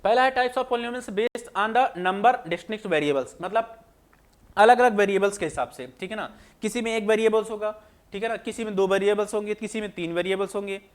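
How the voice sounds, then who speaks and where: A man. He keeps asking the class questions and answering them himself, repeating each point in a patient, drawn-out way. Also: sits high. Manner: repetitive, asks students questions then answers them. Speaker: maths teacher. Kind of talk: classroom lecture explaining on screen.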